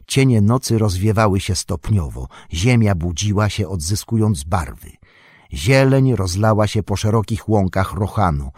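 Low husky male audiobook narrator. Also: darkish tone, no room sound, clean studio sound. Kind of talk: scripted narration of a fantasy novel.

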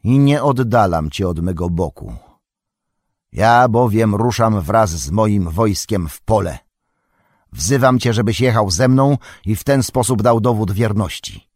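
A man's voice: fairly low pitch, unhurried, darkish tone, no echo, studio quality. A man voicing an old king who speaks in a firm, commanding, authoritative way in a storybook reading.

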